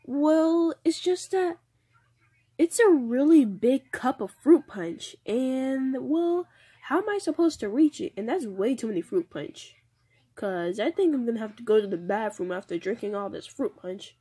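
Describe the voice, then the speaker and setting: A woman's voice: a little high, animated, measured pace, mellow, husky. A woman voicing a fussy young female customer in a doll play, whiny and complaining.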